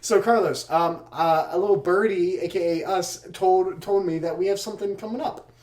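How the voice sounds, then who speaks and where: A man's voice: high-pitched, moderate pace, darkish tone, roomy sound. A young man co-hosting a podcast, chatting casually and reading out joke sponsor plugs. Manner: jokey, mock-announcer asides. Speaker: podcast co-host. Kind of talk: casual chat.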